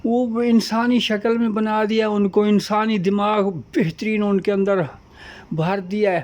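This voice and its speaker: A man's voice: high voice, little pitch movement, darkish tone. A man giving a casual, rambling monologue as host, piling up repeated phrases and lists.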